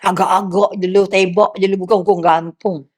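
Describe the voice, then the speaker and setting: A middle-aged woman with a Malaysian accent giving a lively religious lecture, often asking her listeners questions and acting out little quotes. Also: mid-range voice, normal speed. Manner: lively, asks the crowd questions, acts out quotes. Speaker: preacher.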